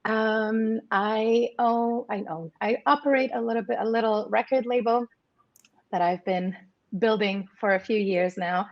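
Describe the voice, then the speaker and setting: A woman's voice: fairly high pitch, steady tone, a little slow. Candid woman guest, lo-fi sound. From Morocco, raised in Canada. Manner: candid, reflective, with small laughs and fillers. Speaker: guest, singer-songwriter. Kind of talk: casual interview chat.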